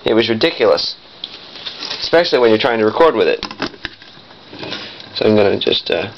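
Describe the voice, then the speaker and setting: A man with a lowish voice talks fairly quickly and very animatedly, giving a loose, rambling product demo and correcting himself as he goes. He's a vintage audio collector showing off equipment. The sound comes from a handheld camera mic, dull and lo-fi with noise.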